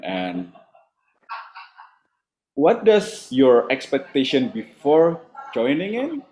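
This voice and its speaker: A man's voice: medium pitch, a little mellow. Guy moderating a webinar on a call, friendly, lots of uhs. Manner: friendly, halting with fillers. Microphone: video call.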